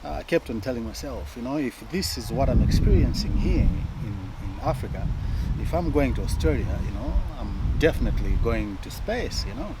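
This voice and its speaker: A man's voice: mid-range voice, very animated, moderate pace, heavy background noise. A man from Malawi, a guest in a casual interview, who talks with many fillers and restarts.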